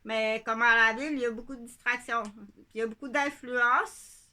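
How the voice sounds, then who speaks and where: High, sharp-voiced Quebec French woman. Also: fairly even intonation, moderate pace. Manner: digressive, repeats herself, asks "ok?" often. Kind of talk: rambling monologue.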